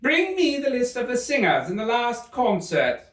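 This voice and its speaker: A shrill, domineering storybook queen, played by a man, extremely high and imperious. She sounds bloodthirsty and commanding in a roomy space. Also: huge pitch swings, moderate pace, a bit bright, exaggerated voice. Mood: imperious, cold. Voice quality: shrill, shrieking. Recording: roomy, slightly distant microphone.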